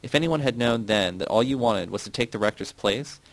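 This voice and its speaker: A man's voice: mid-range voice, a little fast, no room sound, natural voice, poor audio. A man voicing a bitter young woman who speaks coldly and accuses sharply. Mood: scornful. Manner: shouting, cutting.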